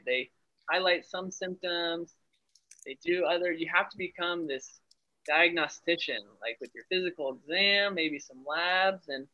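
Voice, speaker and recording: Over dull video-call audio, a young Air Force family medicine resident talks in a casual interview, upbeat and quick to laugh. His voice sits on the high side, bright and forceful.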